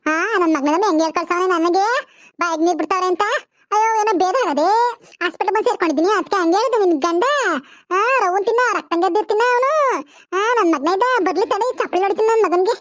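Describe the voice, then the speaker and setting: A woman voicing a loud, fussing old village mother in a cartoon, speaking in a rustic village dialect. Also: very high voice, fast, no echo, lo-fi sound. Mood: angry. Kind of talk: cartoon voice acting.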